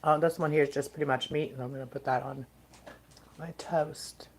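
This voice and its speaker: Mukbang host: woman, low register, casual talk while eating, unhurried and fragmentary, faintly noisy recording. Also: little pitch movement. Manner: eating while talking to viewers, unhurried stop-and-start remarks.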